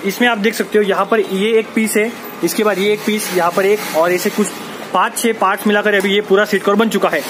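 A man's voice: high voice, fairly even intonation, fairly quick. A young man guiding viewers through a workshop in casual tour narration, upbeat and talking straight to the audience. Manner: upbeat, addresses viewers directly. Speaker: vlogger touring a workshop. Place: busy car seat cover workshop, indoors. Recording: loud background noise in a workshop.

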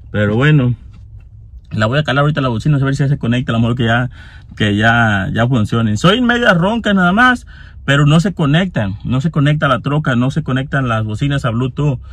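A man with a Mexican Spanish accent vlogging casually on his phone, telling a story in an animated way and acting out both sides of an argument. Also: mid-range voice, dry recording. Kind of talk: casual vlog chat.

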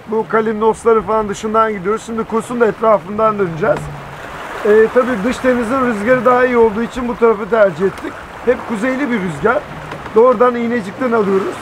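Man explaining sailing tactics on deck. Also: high-pitched. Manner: measured, explanatory, with frequent filler pauses. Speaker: sailor explaining the voyage. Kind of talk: casual explanation to camera. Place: on a sailboat deck at sea, outdoors. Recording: wind and wave noise at sea.

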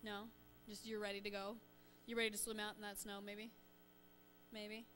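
A woman leading a children's sermon in a church, coaxing the children along with lively questions. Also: medium pitch, moderate pace. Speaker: church children's message leader. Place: church sanctuary.

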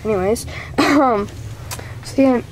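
Slow and slightly high-voiced, a young woman gives a giggly, rambling tour of a small carpeted room in her home, apologizing and putting herself down along the way. The noisy audio comes from the built-in microphone of a handheld amateur camera.

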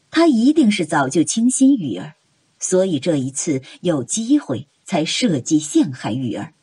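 A woman narrating a novel audiobook in an expressive, dramatic storytelling manner. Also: lowish voice, husky, no room sound.

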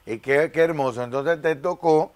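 A man's voice: a little high, normal speed. A young man hosting a faith interview show in a TV studio, on a lapel mic, affirming and preaching in asides. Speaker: host. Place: TV studio set.

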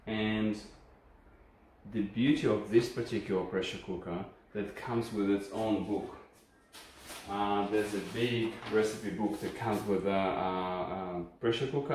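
Reviewing a kitchen appliance in his home kitchen, the channel host speaks with a Ukrainian accent, a lowish, somewhat dark voice, and a steady tone at a slightly slow pace. The review is casual and unscripted, friendly but full of hesitations. A phone camera records him from a distance, and the room echoes with a faint hum.

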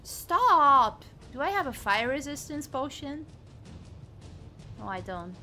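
A woman live streamer with a bright, fairly high voice chats casually through her gameplay. She is expressive, exclaiming and swearing freely, with big swings in pitch. Game music plays behind her. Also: unhurried.

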